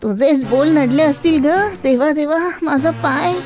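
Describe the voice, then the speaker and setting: A woman's voice: high-pitched, measured pace, darkish tone, soft background music, voice pushed up. A woman voicing a harsh, scheming older mother-in-law in a cartoon story, scolding and taunting as she gives orders. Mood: fake wailing.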